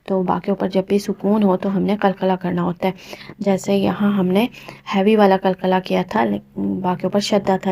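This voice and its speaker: A woman gives a step-by-step recitation lesson in an even, level voice with a gravelly edge. She walks through each rule patiently and repeats the instructions so learners can follow. Her delivery stays calm and methodical throughout. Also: mid-range voice. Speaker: Quran recitation teacher.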